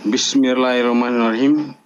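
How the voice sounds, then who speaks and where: A man's voice: medium pitch, steady tone, moderate pace, clear, resonant tone, lo-fi sound. A man who is converting repeats a recitation phrase by phrase after the preacher. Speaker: soldier converting on a livestream.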